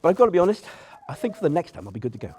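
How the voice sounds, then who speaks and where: A man's voice: fairly high pitch, sing-song, racing, a little mellow, a little hiss or hum. A man giving an informal best man's speech to wedding guests, nervous, self-deprecating and joking as he goes. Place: wedding reception in front of seated guests.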